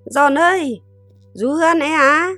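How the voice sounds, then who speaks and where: A woman speaking in lively conversational exchanges within a told story. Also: high-pitched, measured pace, no room sound, faint music behind.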